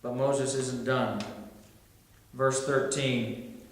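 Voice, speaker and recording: A male pastor preaching a sermon, retelling scripture with earnest, animated storytelling and rhetorical questions. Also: medium pitch, drawn-out words. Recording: echoey hall.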